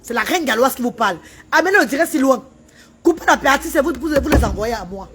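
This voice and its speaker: A woman's voice: sits high, lively intonation, fast, heavy background noise. A woman who rants on a livestream, repeating herself as she pleads and scolds. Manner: emphatic, repetitive, pleading and scolding. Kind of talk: livestream rant.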